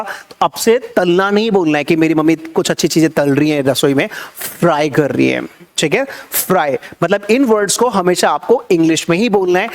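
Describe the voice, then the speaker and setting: A young man teaches kitchen vocabulary in a lively way, repeating each word and quizzing his listeners as he goes. His voice sits high for a man. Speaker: spoken English teacher. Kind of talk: Hindi-language vocabulary lesson.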